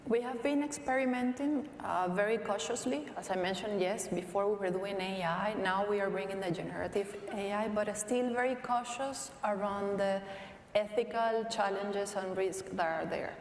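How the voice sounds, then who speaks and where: An earnest woman with a Venezuelan accent speaks slowly and thoughtfully, often restarting her sentences. She is heard from some distance in a big echoing hall, with a long reverb tail and faint hiss behind her. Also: mid-range voice. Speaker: interviewee, company tech leader. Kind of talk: onstage conversation. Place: large hall at a live event. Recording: echoey hall from far off.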